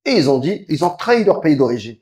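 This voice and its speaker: A man delivers a religious lecture as a preacher, explaining things step by step. He keeps restarting his sentences with halting breaks and rattles off Arabic verses quickly, his pitch and volume swinging lively.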